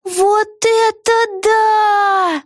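A woman voicing an excitable young girl witch in a storybook, with a very high, squeaky voice and breathless exclamations. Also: moderate pace, dry recording, clean studio sound. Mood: excited.

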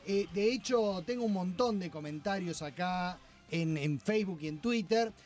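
A man's voice: high-pitched, normal speed. A man hosting a radio show in a Rioplatense Spanish accent, chatting casually with guests and reading out listener comments. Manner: relaxed, chatty, reads listener comments aloud.

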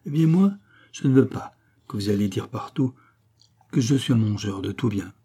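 Guy reading doing a smug young rogue, pompous, declaiming, husky dark voice. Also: lowish voice, lively intonation, normal speed. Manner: grandly mocking, declamatory. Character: cheeky young man, mock-pompous and hungry.

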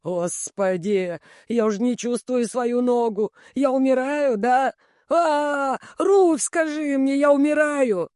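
A wounded villager, as a man puts him on wails and pleads in a high, strained voice that slides up and up. He sounds sure he is dying. The recording is dry. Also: slow pace, darkish tone, smooth, no echo. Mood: panicked. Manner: wailing, pleading.

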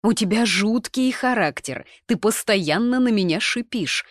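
A woman's voice: fairly low pitch, normal speed, no room sound, clean studio sound, lightly acted. Woman reading as an ardent tipsy young man. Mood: teasing. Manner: excited, insistent, muttering.

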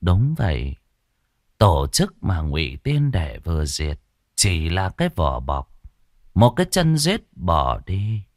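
A man voicing a frail, trembling clan elder over a hundred years old in a ghost story, speaking slowly and solemnly. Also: low-pitched, wildly swooping pitch, dry recording, studio quality, exaggerated voice. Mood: wry.

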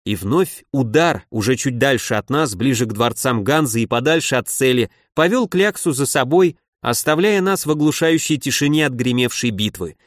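A man's voice: medium pitch, lively intonation, normal speed, few pauses, dry recording, studio quality. A man giving a wry, conversational first-person audiobook narration.

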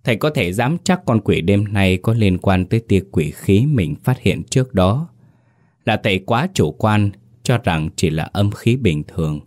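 A man narrating a horror story in a measured, suspenseful storytelling voice. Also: lowish voice, animated, a little mellow, dry recording, clean studio sound.

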